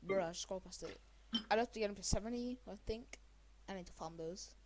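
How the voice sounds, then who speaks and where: A young woman who makes gaming videos talks through her gameplay in a casual, slangy, rambling way, thinking out loud. Her voice is mid-range and brisk, and loud game music makes the background noisy.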